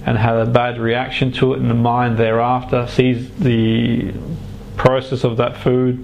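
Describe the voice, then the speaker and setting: A man speaking as a hypnotherapist to a client, guiding and explaining in halting, deliberate phrases with pauses. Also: mid-range voice, monotone, gravelly, a little mellow, slight background noise, low-quality recording. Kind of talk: guided relaxation and explanation to a client.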